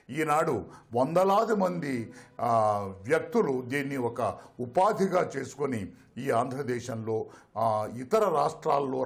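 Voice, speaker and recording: A man gives an interview in an ornate, formal style, stopping often with filler sounds. His pitch moves in a lively way as he speaks. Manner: elaborate formal phrasing with many fillers.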